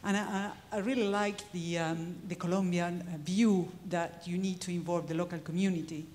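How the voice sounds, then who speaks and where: A woman from Argentina, making a thoughtful comment from the audience with frequent pauses. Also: on the low side, steady tone, a little mellow. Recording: hall reverb with faint noise.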